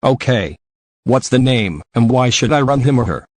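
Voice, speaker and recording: A man reading the part of a gruff, commanding male spy chief in a storybook reading. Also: mid-range voice, lively intonation, normal speed, a little mellow, no room sound, natural voice. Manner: gruff, teasing.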